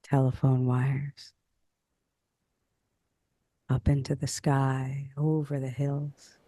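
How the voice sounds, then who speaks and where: Speaking softly and soothingly in a mid-range voice, a man leads a guided sleep hypnosis. He draws out each phrase and leaves long pauses.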